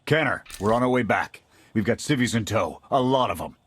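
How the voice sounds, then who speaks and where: This man's lowish voice comes out animated and brisk, a bit bright with a breathy edge. He's acting the part of a weary squad commander for a game cutscene, speaking in short, clipped military lines.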